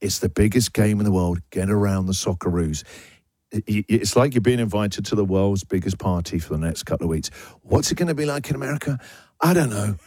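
A man hosting a radio breakfast show in a studio, talking with energy and enthusiasm, his voice jumping up when he gets excited. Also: fairly low pitch, a little fast, no echo. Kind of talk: lively radio banter. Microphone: studio broadcast mic.

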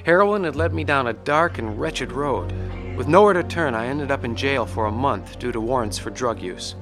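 A man's voice: mid-range voice, animated, moderate pace, close to an everyday voice. An actor playing a troubled war veteran and addict, telling his story in an earnest, reflective, conversational way. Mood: reflective, regretful. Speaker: narrator and lead actor. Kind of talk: dramatized first-person testimony narration. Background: music.

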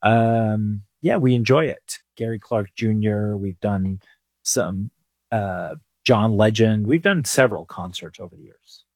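A man from England, a financial advisor, talking on a radio show in a low, slightly husky voice. He answers at an easy, thoughtful pace, and the recording is dry and close. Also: a little slow, a little mellow, no room sound. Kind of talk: casual interview answers.

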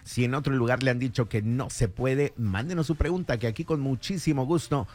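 A man hosting a radio show, delivering a call-in pitch to listeners. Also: a little fast, a little mellow.

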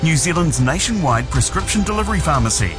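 A man's voice: a little high, very animated, quick pace, music in the background. A man reading a radio advert voice-over in a friendly way.

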